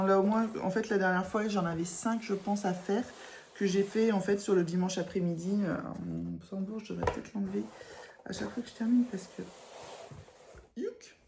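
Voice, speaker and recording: A woman's voice: medium pitch, dark tone, slight background noise. A woman with a northern French accent chatting casually about her embroidery, self-mocking and laughing often. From northern France. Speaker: embroidery vlogger. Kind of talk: casual chat.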